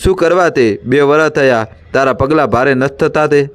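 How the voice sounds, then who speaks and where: A man voicing a domineering village mother-in-law in a storybook reading, nagging and shrill. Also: moderate pace, natural voice. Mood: taunting. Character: harsh scolding village mother-in-law, woman.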